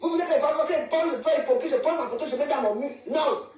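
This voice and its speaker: A woman's voice: high voice, fast, distant mic. A woman from Cameroon, ranting defiantly on a live stream and repeating her points. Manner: defiant, confrontational, repeats herself. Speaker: social media live streamer. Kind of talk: angry live-stream rant. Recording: echoey room, voice from off the mic, faint music.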